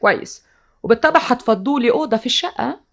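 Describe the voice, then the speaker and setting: An actress with an Egyptian accent playing a haughty, demanding young housemaid in an old radio comedy. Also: female voice, fairly high pitch, animated, quick pace. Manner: haughty, bossy.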